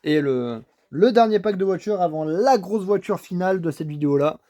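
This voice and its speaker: A man's voice: high voice, expressive, moderate pace, warm tone, no echo, clean studio sound. A man talking casually as he shows off his toy car finds, full of repeated enthusiastic praise, stammering and restarting as he goes, at his home desk setup. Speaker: toy car collector vlogger. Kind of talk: casual unboxing commentary.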